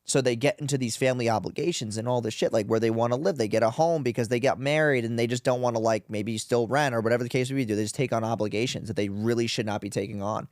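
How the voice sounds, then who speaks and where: A man's voice: medium pitch, fast, hardly any pauses, no room sound, clean studio sound. A man who is a guest on a podcast, talking bluntly and casually, swearing and calling his host dude and bro. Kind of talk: casual interview chat. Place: podcast studio in Las Vegas.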